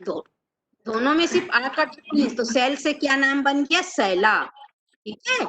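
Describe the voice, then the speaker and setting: A woman's voice: high-pitched, animated, normal speed, fairly bright tone, a little hiss or hum, poor audio. A woman teacher, giving a classroom lesson and answering her own questions.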